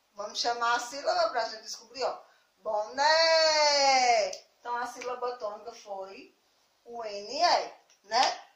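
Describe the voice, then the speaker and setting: Brazilian woman, primary teacher, high voice, patient and repetitive, echoey room recording. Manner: patient, repeats points and checks understanding with "tá certo?"; sounds out words slowly, stretching syllables. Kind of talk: recorded online lesson for children.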